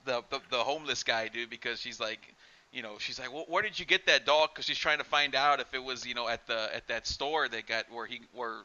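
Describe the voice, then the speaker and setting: Bright, rambling podcast dude on a dull mic. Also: male voice, medium pitch, fairly even intonation, a little fast. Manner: rambling, profane, says dude a lot. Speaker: podcast co-host. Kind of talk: casual podcast chat.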